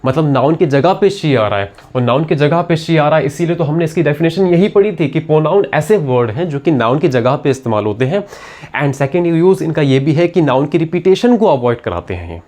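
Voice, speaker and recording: A man's voice: fairly high pitch, expressive, a little fast, a little mellow. Man teaching grammar, patiently repetitive. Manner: repetitive, asks and answers his own questions. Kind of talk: classroom lesson explanation.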